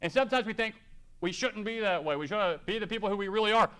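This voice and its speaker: Guy preaching, kinda high voice, bright and crisp, reads verses slow and acts out little scenes. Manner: conversational preaching, quoting scripture slowly and acting out everyday scenes. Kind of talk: sermon.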